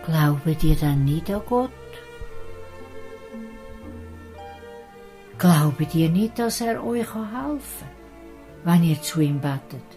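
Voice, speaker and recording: A woman with a Swiss German accent voicing Jesus as a calm grown man who speaks in firm, loud commands, in a children's storybook. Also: deep voice, a little slow, soft background music. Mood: reproachful.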